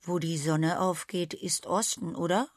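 A woman's voice: lowish voice, fairly even intonation, unhurried, no room sound, clean studio sound. A woman voicing a small, clever female animal who speaks in a playful, cheeky way. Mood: sly. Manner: playful, hissing.

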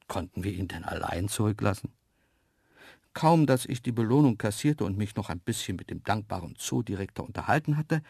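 A man narrating a children's story in the first person, lively and playful, with hushed asides. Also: medium pitch, gravelly, breathy edge, dry recording, clean studio sound. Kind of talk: storybook reading.

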